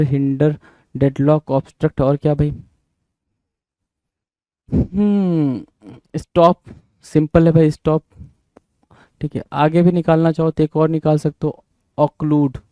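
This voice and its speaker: A man's voice: fairly high pitch, fairly even intonation, a little slow, long pauses, mellow, no echo, lo-fi sound. A man teaching exam vocabulary, often spelling words out letter by letter, repeating them and checking in with his listeners. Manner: frequent check-ins with listeners. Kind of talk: exam-prep vocabulary lesson.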